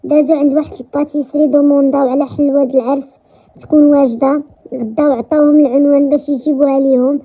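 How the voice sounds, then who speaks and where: Fast, high Moroccan woman storyteller. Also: flat delivery, warm tone. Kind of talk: first-person romance story narration. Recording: dull lo-fi recording.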